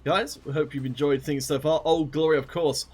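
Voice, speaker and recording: A man's voice: on the high side, fairly even intonation, moderate pace, a little mellow, breathy edge. A man casting a live esports stream, chatting upbeat and directly to viewers. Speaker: esports caster.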